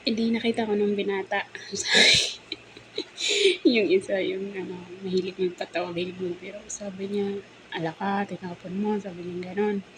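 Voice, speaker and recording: A woman's voice: medium pitch, little pitch movement, normal speed, a bit bright, a little hiss or hum, low-quality recording. Woman from the Philippines, live-in house helper, casual storytelling at home, chatty, laughs a lot, mimics others. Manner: chatty, laughs often, acts out quoted voices. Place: employer's house, indoors.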